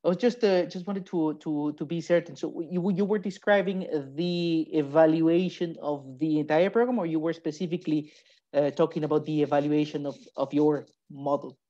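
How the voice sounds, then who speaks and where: A man's voice: fairly high pitch, steady tone, moderate pace, dark tone. Hesitant man moderating, dull call audio. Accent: non-native English. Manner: hesitant, polite, many fillers. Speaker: webinar moderator. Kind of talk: webinar moderation. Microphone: video call.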